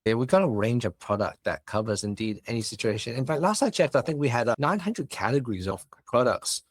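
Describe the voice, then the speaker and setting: A business founder from Hong Kong, in his forties, is the guest in a relaxed podcast conversation, talking expansively. He has a mid-range, expressive voice and a brisk pace, with a mixed Australian, British and Cantonese accent, recorded at studio quality with no room sound.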